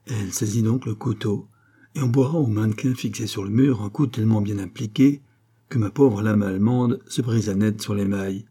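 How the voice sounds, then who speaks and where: A man narrating a classic novel in a measured, steady reading. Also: fairly low pitch, breathy edge. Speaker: audiobook narrator. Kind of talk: literary audiobook narration.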